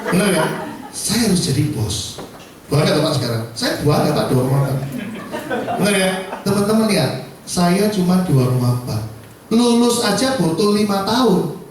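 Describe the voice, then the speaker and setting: A man's voice: sits high, big pitch swings, normal speed, pauses often, crowd noise. A man, giving a joking, self-mocking motivational talk to a class of insurance agents, often laughing and asking the audience questions. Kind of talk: lively motivational seminar talk. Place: classroom seminar. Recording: echoey room, speaker far from mic, faint noise.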